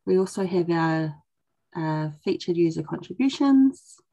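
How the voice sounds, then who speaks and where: A woman's voice: lowish voice, expressive, unhurried, dark tone, highs cut off. A young woman casually presenting as host of an online session. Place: indoors on a video call.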